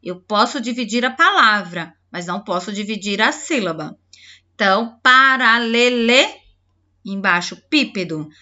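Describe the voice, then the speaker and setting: A woman teacher patiently explaining a textbook lesson to young pupils, slowly sounding out syllables and talking directly to the children. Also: mid-range voice, expressive, bright, forceful tone, lo-fi sound. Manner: spells out syllables slowly, clapping out words. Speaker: primary school teacher.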